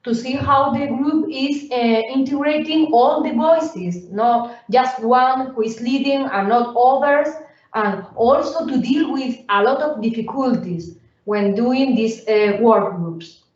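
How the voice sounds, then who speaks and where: Female presenter, slightly high voice, hesitant delivery full of fillers, caught from a distance on a dull recording. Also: darkish tone. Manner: halting, with many fillers and restarts. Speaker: presenter at a research workshop. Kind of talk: academic conference presentation. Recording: roomy, distant, dull sound.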